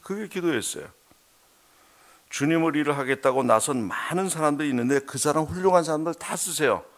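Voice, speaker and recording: In a church sanctuary, a middle-aged missionary preaches a heartfelt testimony sermon, sinking to hushed murmurs before rising into loud, emphatic bursts. His voice is on the high side, expressive and brisk.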